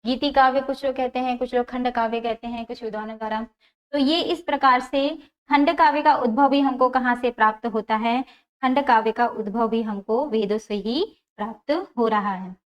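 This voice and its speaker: A woman's voice: a little high, normal speed. A woman teaching an exam-prep lecture, explaining step by step, repeating key terms and asking and answering her own questions. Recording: dull lo-fi sound.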